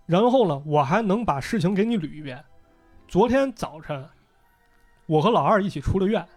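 A man's voice: high voice, animated, normal speed, darkish tone, faint music behind. A man hosting a podcast, casually retelling a story and voicing the characters' lines as he goes. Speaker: podcast host.

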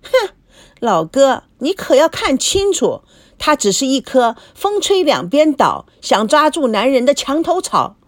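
A woman reading the part of a spoiled, jealous teenage girl who taunts and shouts. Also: sits high, very animated, measured pace, dry recording, clean studio sound, voice pushed up. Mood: spiteful. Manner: taunting, sharp-tongued.

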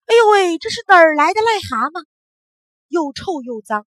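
A woman's voice: extremely high pitch, sing-song, very slow, sharp tone, no echo, studio quality, voice pushed up, full character voice. A woman voicing a fussy, half-deaf old grandmother in a storybook, exclaiming and grumbling. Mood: disgusted.

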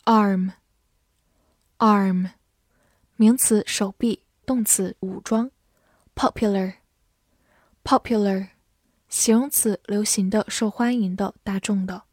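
A woman teaching English vocabulary to Chinese learners. She says each word twice, slowly, then gives its meanings. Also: medium pitch, steady tone, mellow, breathy edge, no room sound, clean studio sound. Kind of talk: scripted vocabulary lesson.

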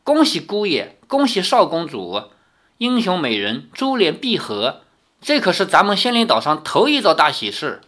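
A cheerful young palace maid in an audiobook, voiced by a man who lifts his voice up. She congratulates brightly with a lively lilt. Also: high voice, normal speed, full character voice.

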